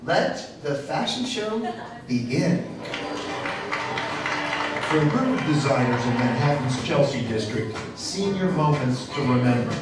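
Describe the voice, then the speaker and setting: A male reporter narrating a news feature in a measured, crisp way. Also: medium pitch, animated, over loud music. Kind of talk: scripted narration. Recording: echoey, distant, noisy.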